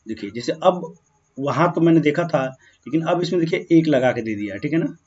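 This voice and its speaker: Man, teacher, husky voice, muffled lo-fi sound, drawn-out words while writing on a board. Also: a little high, animated, darkish tone. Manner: keeps checking in with "ठीक है ना" and "clear है". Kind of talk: grammar lesson explaining on a board.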